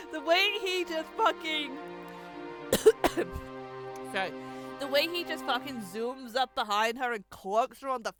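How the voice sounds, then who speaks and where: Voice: high voice, a little slow, long pauses, over music. A streamer chatting casually over live gameplay, swearing freely and joking at their own expense. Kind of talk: casual live game commentary.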